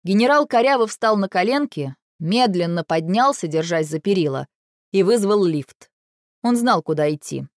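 Woman reading a story aloud, steady, dry recording. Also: medium pitch, normal speed, dry recording. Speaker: narrator. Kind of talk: audiobook reading.

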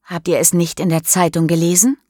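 A woman's voice: fairly low pitch, little pitch movement, a little fast, mellow, dry recording, studio quality, lightly acted. A woman voicing a playful teenage boy who tells a spooky tale to tease his friends, in an audiobook. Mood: teasing. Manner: teasing, playful. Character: teenage boy, teasing storyteller.

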